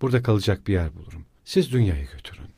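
A man's voice: lowish voice, animated, rapid-fire, vocal fry, warm tone, slightly rough, no room sound, studio quality, heavily acted. A man voicing an anxious, tearful middle-aged mother who speaks timidly and pleadingly.

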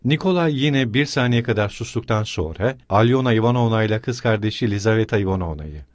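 A man narrating a classic novel as an audiobook in a measured, expressive reading. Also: fairly low pitch, no room sound, clean studio sound. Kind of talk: scripted narration.

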